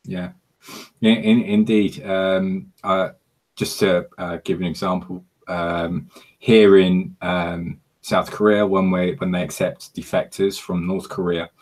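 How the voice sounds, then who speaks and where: Very deep-voiced, halting male host. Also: level tone. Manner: halting, many fillers and restarts. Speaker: host of a livestream Q&A. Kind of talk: casual livestream interview. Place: home in South Korea.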